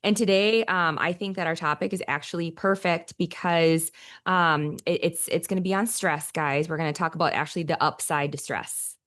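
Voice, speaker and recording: A woman's voice: fairly low pitch, fairly even intonation, normal speed, fairly bright tone, no room sound, clean studio sound. A woman co-hosting a podcast as a counselor, chatting upbeat and rambling with many fillers and restarts. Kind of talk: casual podcast chat.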